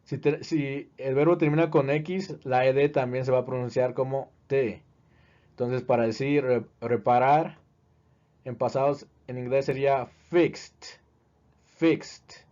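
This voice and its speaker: A man teaching in a video lesson, speaking slowly and deliberately and repeating each word as a drill. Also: mid-range voice, fairly even intonation, warm tone. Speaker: English teacher. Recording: dull, lo-fi recording.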